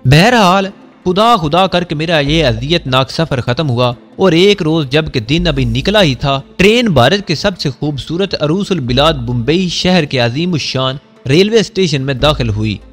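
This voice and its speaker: A man with a fairly high voice narrates a first-person story in a measured, unhurried way. Faint music plays softly under his voice. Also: animated.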